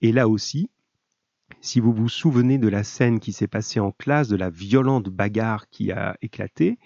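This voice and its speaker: A man with a dark, relaxed voice gives a school lesson as a teacher. He sets out questions and instructions step by step, in a didactic way. The recording is muffled and echoes around the room. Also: lowish voice, normal speed, vocal fry. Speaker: middle school French literature teacher. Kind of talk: lesson, explaining study questions to pupils.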